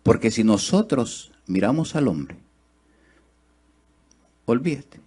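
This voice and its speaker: A man preaching a sermon in church, his delivery rising into loud, high, fast bursts of exhortation and then sinking to low, slow, nearly hushed lines. He keeps turning to the congregation with rhetorical questions. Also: lively intonation.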